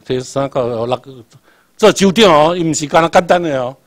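A man's voice: a little high, expressive, normal speed, no room sound. A man with a Taiwanese accent lecturing a class, repeating points and quizzing the listeners. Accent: Taiwanese Hokkien. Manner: repetitive, quizzes the class, spells out English letters.

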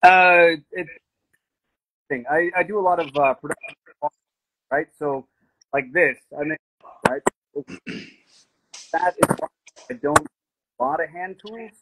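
A man's voice: a little high, sharp tone, slightly rough, low-quality recording. Man on a glitchy, cutting-out video call. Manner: halting, fragmented phrases. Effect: glitchy audio cutting out in gaps. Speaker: guest woodworker. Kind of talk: casual live-stream chat.

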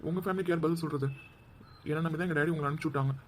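A man's voice: fairly high pitch, steady tone, racing, slight background noise, natural voice. A man voicing a caring young man in a cartoon who firmly questions and insists. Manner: firm, questioning.

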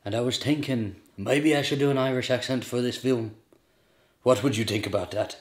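A man's voice: medium pitch, normal speed, roomy sound. A young man vlogging casually about film, rambling and laughing often. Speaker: vlogger and filmmaker. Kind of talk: casual chat to camera.

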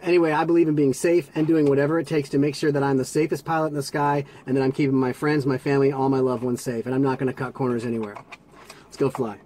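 A man in his forties vlogging in a deadpan, mock-earnest satirical style. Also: medium pitch, fast, slight background noise, low-quality recording. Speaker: vlogger pilot. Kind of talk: satirical vlog. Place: home room, then small plane cockpit, then outdoors.

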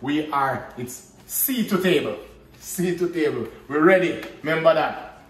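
In his thirties and from Jamaica, this man hosts a laid-back cooking vlog in his home kitchen, bantering in a patois-flavored, chatty way with a Jamaican accent. His voice sits on the high side and he never hurries. A camera mic placed at a distance catches roomy kitchen echo along with clear background noise.

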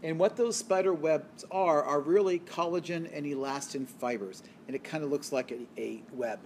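A man's voice: a little high, normal speed, darkish tone, slight background noise. A man giving a recorded college biology lecture, explaining step by step and asking questions that he then answers himself. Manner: asks the class questions and answers them himself.

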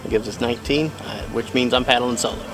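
A middle-aged man vlogging outdoors on a river with a phone held at arm's length, relaxed and upbeat, full of fillers. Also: medium pitch, fast talker, over music, low-quality recording. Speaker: outdoor instructor. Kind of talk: casual vlog narration.

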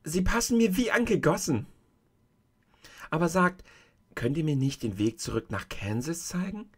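A man's voice: fairly high pitch, expressive, moderate pace, slightly rough, voice pushed up. A man voicing a polite little girl. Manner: polite, wondering storybook voice. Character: polite, wondering young girl, the heroine.

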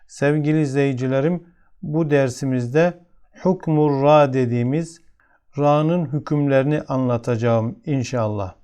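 A man's voice: medium pitch, darkish tone, clear, resonant tone. A man with a Turkish accent teaching a tajweed lesson step by step, patiently repeating each example word. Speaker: Quran recitation teacher.

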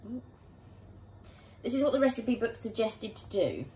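A woman's voice: on the high side, big pitch swings, normal speed, noisy background. A woman from Sussex, chatting playfully as host of a home vlog in her kitchen. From Sussex, England. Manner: chatty and playful, with bursts of laughter. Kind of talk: casual home vlog chat.

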